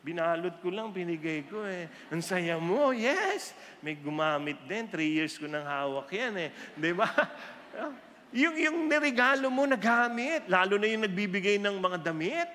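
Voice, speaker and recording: Male preacher, bright, high-ish, animated storyteller, hall reverb. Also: a little slow. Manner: animated storyteller, jumps high for quoted voices. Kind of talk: sermon mixing Tagalog and English, with acted quotes.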